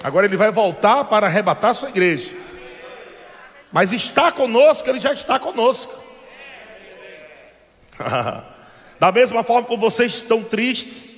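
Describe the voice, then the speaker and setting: A man preaching a sermon to a congregation, shouting and laughing fervently in a repetitive cadence. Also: sits high, lively intonation, brisk, big-room sound.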